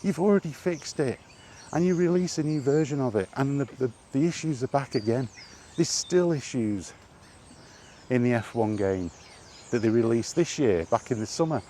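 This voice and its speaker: Here a British man with a medium-pitched, mellow voice and lively intonation talks at normal speed. Exasperated and sweary, he rants spontaneously like a gaming vlogger on a walk, asking the same rhetorical questions again and again over clear outdoor background noise.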